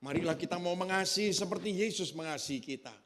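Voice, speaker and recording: A male pastor delivering a sermon, building loud and slow on key phrases and dropping quiet to tell a story. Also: sits high.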